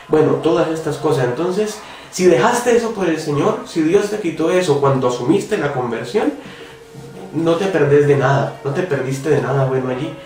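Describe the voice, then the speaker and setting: A man's voice: mid-range voice, a little mellow, far from the mic. A man giving a devotional reflection, talking earnestly and asking the listener direct questions. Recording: roomy echo, voice from off the mic, faint music.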